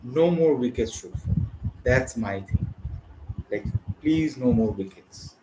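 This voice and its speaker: A man hosting a live cricket watchalong, rambling and chatty with slang and sudden excited bursts over the play. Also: mid-range voice, slow pace, vocal fry, noisy background. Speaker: watchalong host. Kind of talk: casual live cricket commentary.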